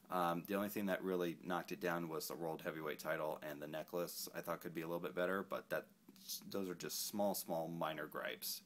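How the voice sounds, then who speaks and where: Man, low deep voice, casual toy review, rambling, corrects himself, faint background hiss. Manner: rambling, self-correcting, laid-back. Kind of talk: casual action figure review.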